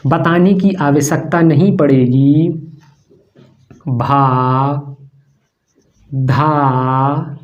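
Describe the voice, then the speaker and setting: A male teacher with a Hindi accent dictates a grammar lesson at a very slow pace, leaving long gaps between words. His pitch sits at an ordinary middle level. The recording is dull and lo-fi. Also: fairly even intonation.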